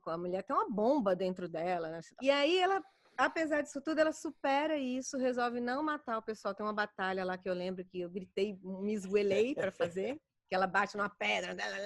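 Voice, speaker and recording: A middle-aged woman with a Brazilian accent, a voice actor, chats as a guest in a casual interview, animated and full of fillers. Her voice is fairly high, and the studio sound is clean with no room sound.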